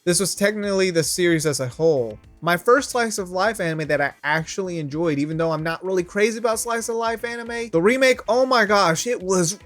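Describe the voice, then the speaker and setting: A man's voice: high-pitched, animated, a little fast, few pauses, a bit bright, soft background music. Chatty male anime reviewer. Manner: chatty, stumbles and restarts when unsure. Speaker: anime reviewer and channel host. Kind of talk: casual review chat.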